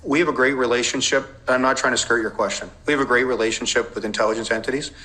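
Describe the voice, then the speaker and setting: A man's voice: medium pitch, steady tone, bright, forceful tone, rough recording. A man, a police intelligence officer giving careful, precise formal testimony under cross-examination. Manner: measured, precise, careful wording with legal references.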